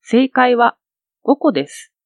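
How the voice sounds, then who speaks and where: A woman teacher narrating a scripted pronunciation lesson in an explanatory, clearly paced way. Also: a little high, very animated, slow pace, dry recording, dull audio. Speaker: language teacher.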